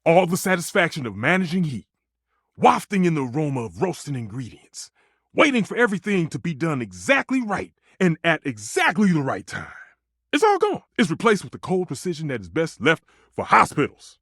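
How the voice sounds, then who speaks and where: A living stove chef from a dating game, dramatic and flirtatious. The voice sits a little high for a male and swoops hugely between exclamations and murmurs. It is recorded very dry and close, with theatrical passion in the phrasing. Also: wildly swooping pitch, brisk, a bit bright, slightly rough, dry recording, heavily acted. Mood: agitated, emphatic. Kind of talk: voiced dating video game character lines.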